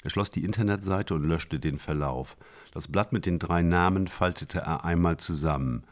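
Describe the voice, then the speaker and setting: A man reading a novel aloud as its narrator, with calm, even storytelling. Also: sits low, moderate pace. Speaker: audiobook narrator. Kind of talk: scripted narration.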